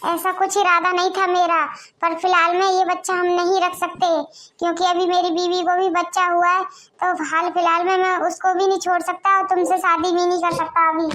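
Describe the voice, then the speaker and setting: A woman's voice: very high voice, level tone, normal speed, fairly bright tone. A girl voicing a curt young husband. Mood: evasive. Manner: curt, dismissive. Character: scolding young husband, middle-aged man.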